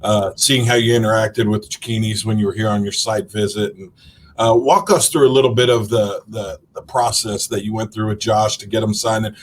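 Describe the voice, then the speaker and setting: A man's voice: fairly low pitch, steady tone, fairly quick, slight background noise. A man hosting an interview, asking friendly, loosely worded questions with fillers. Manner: friendly, filler-heavy, says y'all. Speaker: interviewer, tourism sales director.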